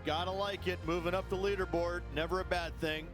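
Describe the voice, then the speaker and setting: Folksy male golf commentator, fairly high-pitched. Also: fairly even intonation, brisk, over music. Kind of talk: golf commentary in a video game.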